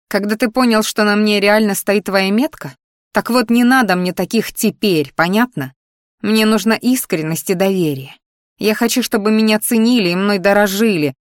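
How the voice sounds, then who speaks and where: A woman voicing a defiant young woman who snaps back with sharp, scornful retorts. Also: mid-range voice, no room sound, clean studio sound, natural voice.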